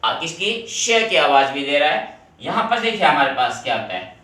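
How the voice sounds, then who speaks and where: A man's voice: fairly high pitch, sing-song, moderate pace, bright, forceful tone, far from the mic. A man teaching an English class, going through each rule step by step and talking directly to his students. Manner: explains step by step, repeats rules, addresses students directly. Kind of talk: classroom video lesson. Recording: very echoey room, voice off-mic.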